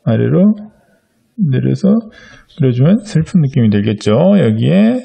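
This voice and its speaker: A man's voice: medium pitch, sing-song, moderate pace, vocal fry, dark tone, slightly rough. A middle-aged man teaching a drawing lesson to young children, explaining patiently step by step with frequent fillers. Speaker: art teacher.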